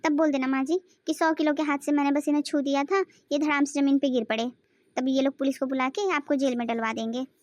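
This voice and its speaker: A scheming young daughter-in-law, voiced by a woman, with a very high, piping voice. She is bossy and sharp-tongued in this cartoon. The recording is close and dry. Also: fairly even intonation, quick pace, no room sound, lightly acted. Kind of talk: cartoon voice acting.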